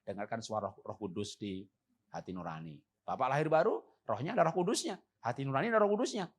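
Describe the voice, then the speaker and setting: A man preaching a church seminar sermon with humor. He acts out quoted husbands and wives and moves from loud emphasis to soft, calm passages. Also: mid-range voice, quick pace, slightly rough. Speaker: guest preacher. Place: church service.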